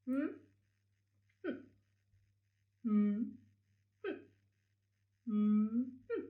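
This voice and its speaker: An English woman with a high voice leads children through a playful vocal warm-up. She gives cheerful, encouraging instructions. She sounds set back from the mic in a room with a strong echo. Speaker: music teacher leading a warm-up. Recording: echoey room, mic at a distance.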